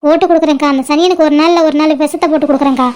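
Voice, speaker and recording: A woman's voice: sits high, steady tone, rapid-fire, a little mellow, close to an everyday voice. A woman voicing an earnest, outspoken younger sister in an amateur audio drama, pleading and blunt. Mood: resentful.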